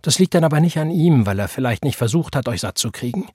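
A man voicing a stern, weary mother who sharply defends her husband, with a husky voice, in an audiobook reading. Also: mid-range voice, sing-song, a little fast, no room sound, studio quality. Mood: scolding. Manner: scolding, sharp, rising heat.

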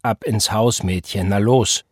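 A man's voice: on the low side, steady tone, a little slow, breathy edge, no echo, studio quality. A man playing a curt, stern young preacher. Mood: commanding. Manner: curt, commanding, hushed.

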